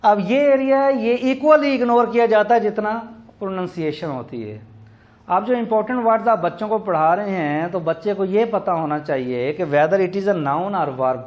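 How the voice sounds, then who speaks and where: High-voiced man giving a teaching lecture. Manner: explains slowly, spells words letter by letter. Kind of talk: classroom lecture. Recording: dull lo-fi recording.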